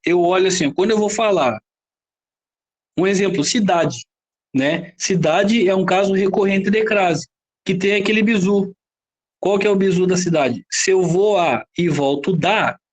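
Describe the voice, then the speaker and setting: A Brazilian man teaching a Portuguese grammar lesson, explaining step by step with frequent rhetorical questions and quick checks for understanding. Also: high-pitched. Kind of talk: classroom lecture.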